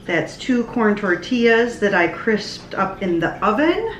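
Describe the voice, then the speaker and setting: A woman's voice: mid-range voice, sing-song, measured pace, a little hiss or hum. Chatty woman food vlogger, echoey kitchen. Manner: chatty, laughs often. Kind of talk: casual food vlog narration.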